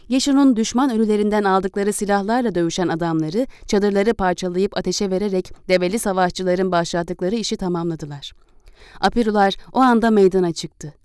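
A woman reading a historical novel aloud as an audiobook narrator, in a measured, deliberate way. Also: mid-range voice, darkish tone, clean tone, no echo, clean studio sound.

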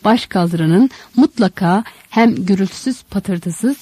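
Mellow woman reading a novel aloud. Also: mid-range voice, slow, breathy edge, low-quality recording. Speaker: audiobook narrator. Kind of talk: literary audiobook narration.

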